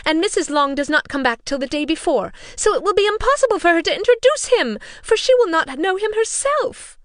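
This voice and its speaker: A woman putting on a fretful, excitable mother who talks in high, loud bursts that leap wildly in pitch. She scolds and gushes in exclamations, close and dry in a storybook reading. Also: brisk, no echo. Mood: agitated. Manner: shrill, exclamatory, complaining. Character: fretful, excitable middle-aged mother fussing over daughters.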